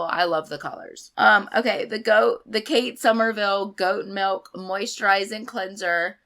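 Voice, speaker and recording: Sick young woman, scratchy throat, chatty beauty unboxing, bright tone, medium pitch. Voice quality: hoarse, rough-throated. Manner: chatty, emphatic, rambling asides. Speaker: beauty vlogger. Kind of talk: casual unboxing review.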